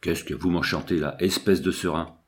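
Brief: man voicing a hoarse, booming head guard, low and brusque. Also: steady tone, normal speed, natural voice. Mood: gruff. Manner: brusque, scolding. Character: gruff hoarse middle-aged male head guard.

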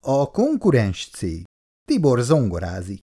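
A clever, calm young daughter from a read-aloud storybook, her voice lifted moderately, as a male reader puts her on. She speaks in an easygoing, lightly teasing manner with a lively melody. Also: mid-range voice.

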